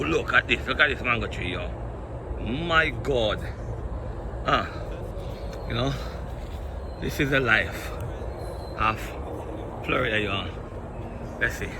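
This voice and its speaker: Excitable Jamaican man, lively voice. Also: medium pitch, background noise. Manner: exclamatory, excited, keeps repeating "look at this". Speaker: vlogger. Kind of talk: casual walking tour vlog. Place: outdoor yard with fruit trees.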